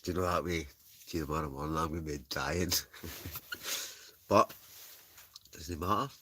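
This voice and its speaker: A man's voice: sits low, fairly bright tone, slight background noise. A Scottish man chatting casually to livestream viewers in a rambling, chuckling, easily sidetracked way. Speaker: livestream host. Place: inside a tent.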